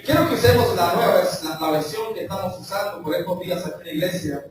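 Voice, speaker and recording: Pastor guy preaching hard, fairly high voice, soft music under it. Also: fast talker. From Venezuela. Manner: fervent preaching, rising and falling with emphasis. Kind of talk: sermon. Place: church sanctuary. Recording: very echoey church hall from far off.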